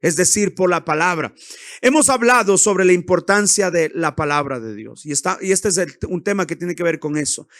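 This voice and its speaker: High-voiced preaching pastor, dry sound. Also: male voice, lively intonation, moderate pace, fairly bright tone, no room sound. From Ecuador. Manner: preaching with rising, emphatic swells and calls to the congregation. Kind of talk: sermon.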